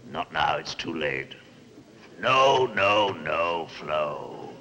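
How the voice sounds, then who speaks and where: Brief: a low-voiced bohemian painter, commanding and irreverent; 1950s film, hissy track. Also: male voice, big pitch swings, extremely slow, pushed and bright, exaggerated voice. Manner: blunt, wry, commanding. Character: gruff bohemian old male painter, irreverent. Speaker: eccentric painter. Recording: noisy old film soundtrack.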